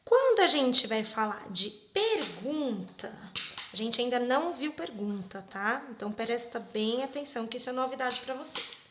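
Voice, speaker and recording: A woman's voice: fairly high pitch, animated, a bit bright, reverberant, slight background noise. A woman English teacher from Brazil, giving a patient step-by-step grammar lesson and often checking in with her students. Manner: slow, patient, explains step by step with frequent check-ins.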